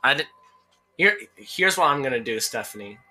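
A woman's voice: extremely low pitch, expressive, normal speed, pushed and bright, slightly rough, soft background music. A woman doing goofy let's-play commentary on a game, rambling jokes and laughing often. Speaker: gameplay YouTuber.

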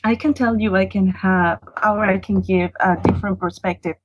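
A woman's voice: mid-range voice, fairly even intonation, moderate pace, background noise. A woman from Venezuela, calling in to a talk show and speaking politely and earnestly. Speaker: caller. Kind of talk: phone-in conversation.

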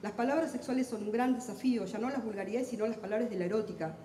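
A middle-aged woman with an Argentine accent, a literary translator talking quickly and intensely on a book fair panel, with self-deprecating humor. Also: a little high, mellow, a little hiss or hum. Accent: Argentine Spanish. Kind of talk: lively public talk at a book fair. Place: large hall at a book fair. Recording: echoey hall with long reverb.

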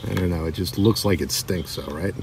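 A middle-aged man with a low voice talks through his toy car finds in a relaxed, chatty way. He sits outdoors, a bit far from the camera mic, with wind rushing behind him. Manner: relaxed, chatty, reads card backs aloud. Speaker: diecast collector vlogger. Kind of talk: casual show-and-tell narration. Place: outdoor table by a lake on a windy day. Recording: distant mic with wind noise.

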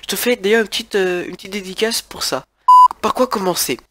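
A man's voice: high voice, brisk, fairly bright tone, no echo. A teenage male with a French accent and a congested, blocked nose, chatting casually and rambling to camera like a YouTube host. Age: teenager, about 14. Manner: informal, rambling, gesturing. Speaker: YouTube gaming channel host. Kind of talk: casual vlog chat to camera. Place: small attic bedroom.

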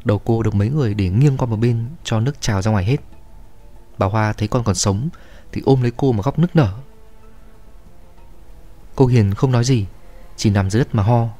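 A man narrating a horror story in a steady, measured way. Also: lowish voice.

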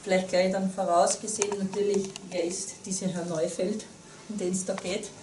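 Background noise accompanies this roomy, distant audio from a far camera in a small meeting room. A woman in her thirties with an Upper Austrian accent, there as a guest speaker, gives an earnest public talk to a small group, frequently restarting and using fillers. She speaks at medium pitch and a moderate pace in a level tone.

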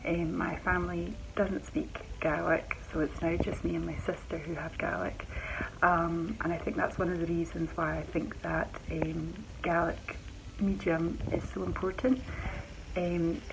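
Young woman, Highland Scottish accent, creaky, lowish pitch, noisy clicking recording. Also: level tone, a little slow. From Fort William, Scotland. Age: 20s. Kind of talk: informal talk to camera.

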